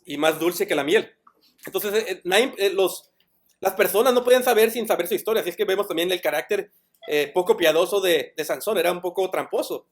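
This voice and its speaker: A man with a high voice preaches in a church. He reads verses aloud, stops to explain them in plain words, and asks the congregation questions as he goes. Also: fairly quick. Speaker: pastor. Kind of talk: sermon.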